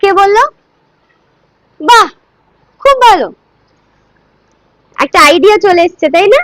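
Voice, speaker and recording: A woman with a very high, bright voice leads a slow recitation lesson. She breaks verses into syllables and coaxes her students to repeat them, recorded dry and close. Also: expressive, dry recording, poor audio. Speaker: Gita recitation teacher. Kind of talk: line-by-line Sanskrit pronunciation lesson.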